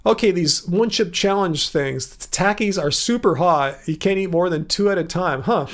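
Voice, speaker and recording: Gravelly high-voiced man chatting on a livestream. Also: moderate pace. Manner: rambling, chatty, many restarts, reads comments aloud. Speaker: livestream host. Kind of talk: casual livestream chat reading viewer comments. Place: home room.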